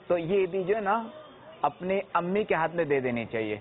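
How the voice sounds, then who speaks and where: A man's voice: high-pitched, expressive. Man giving children simple advice, tinny. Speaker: religious speaker advising children. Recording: tinny phone-like sound with faint noise.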